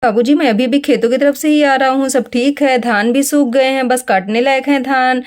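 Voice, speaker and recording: A woman's voice: high-pitched, fairly even intonation, normal speed, lightly acted. A woman voicing a helpful young village man who reports plainly and reassuringly on the farm fields.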